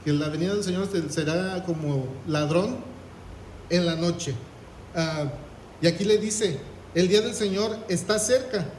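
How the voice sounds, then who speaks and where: A man's voice: sits high, a little mellow, roomy sound, a little hiss or hum, rough recording. A man preaching a sermon, reading scripture aloud and asking the congregation questions. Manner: reads scripture aloud, asks the congregation "¿qué?".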